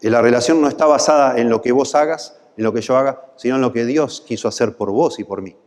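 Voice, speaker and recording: A male pastor with a Rioplatense Spanish accent delivers a sermon at a mid-range pitch. His preaching swells into impassioned, pleading peaks. A long church-hall reverb trails each phrase. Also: fast talker, darkish tone.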